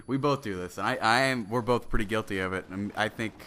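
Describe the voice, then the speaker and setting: A twenty-something man doing gaming commentary sounds stuffed up and nasal with a cold, speaking fairly quickly in a lowish, bright, forceful voice. His solo commentary rambles, often breaking off mid-sentence to begin again, over a little hiss or hum.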